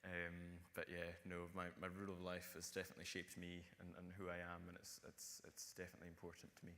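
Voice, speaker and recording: A young man of nineteen with a Hebridean Scottish accent talks about himself on a panel. His voice is low and fairly level in melody, with a forward, bright edge, ringing in a large hall. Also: monotone, fast. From Outer Hebrides, Scotland. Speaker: youth panellist, geography student. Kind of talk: unscripted personal account to an audience. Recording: echoey hall with long reverb.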